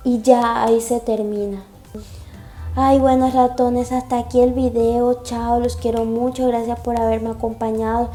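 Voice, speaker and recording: A woman's voice: on the high side, dark tone. A young woman reading a comic aloud and reacting, gushing and sighing often. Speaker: webcomic reaction vlogger. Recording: echoey room. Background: faint music.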